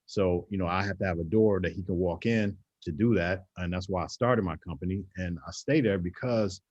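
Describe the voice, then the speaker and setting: Man, agency founder, earnest, hesitant, lowish voice, lo-fi recording. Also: a little mellow, no echo. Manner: earnest, halting with many fillers. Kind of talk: panel discussion.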